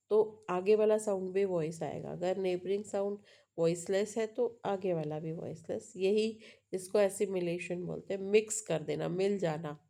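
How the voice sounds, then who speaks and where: A woman teaching phonology at a slow, unhurried pace, with a dark, mellow tone. She switches between Hindi and English and repeats each example word several times to model how it sounds. She often pauses to check that her students are following. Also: mid-range voice. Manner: explains slowly, mixing Hindi and English, checks in with "है ना?". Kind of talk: lecture on phonology.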